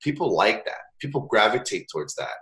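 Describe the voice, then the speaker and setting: A man's voice: lowish voice, sing-song, brisk, a bit bright. A man hosting a casual interview, encouraging his guest and speaking directly to listeners. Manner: friendly, encouraging, addresses listeners. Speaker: podcast host.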